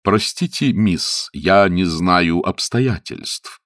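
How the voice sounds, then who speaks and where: A man's voice: sits low, animated, takes it slowly, a bit bright, no echo, studio quality, full character voice. A man voicing a dignified, formal middle-aged butler in a read-aloud story. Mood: solemn.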